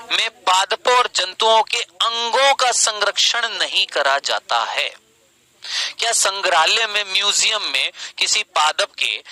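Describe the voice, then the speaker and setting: Bright, tense-voiced teacher man. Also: sits high, poor audio. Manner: scolding, then sulky and sarcastic with students; addresses students as beta, stretches key words. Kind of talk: online exam-question lesson.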